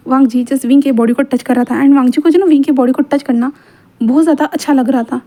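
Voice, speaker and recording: A woman's voice: high voice, fairly even intonation, fast talker, warm tone. A woman casually narrating a fan fiction story in a chatty, loose way, full of fillers.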